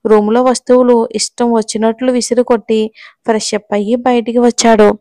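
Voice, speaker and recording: A woman storyteller reads a romance novel in a steady, even narration. Her voice sits a little high. The recording is close and dry, with no room sound. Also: brisk, no room sound.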